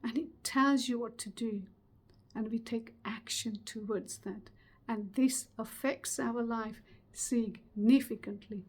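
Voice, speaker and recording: Middle-aged woman, motivational speaker, fairly high voice, unhurried and deliberate with emphatic pauses. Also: fairly even intonation. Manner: slow, earnest, emphatic delivery with pauses. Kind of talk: motivational webinar talk.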